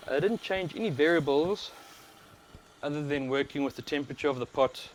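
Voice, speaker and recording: Brisk and a little high-pitched, a man with a South African accent explains things casually and informally as he hosts a live stream about overclocking. A wireless worn microphone carries his voice clearly against a steady background noise.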